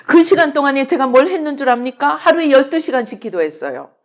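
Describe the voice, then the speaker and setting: Middle-aged woman pastor giving a sermon, high voice, goes loud then drops way quiet. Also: lively intonation, fast talker. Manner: acts out prayers and God's replies in quoted voices; swings between loud emphatic lines and quiet asides.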